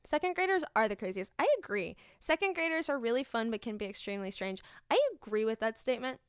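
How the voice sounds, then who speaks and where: Her voice sits on the high side, fast and animated, clear with a resonant ring, and there's no echo in this studio-quality clip. She's a young adult student teacher, chattily recounting funny classroom moments on stream amid lots of laughter and filler words.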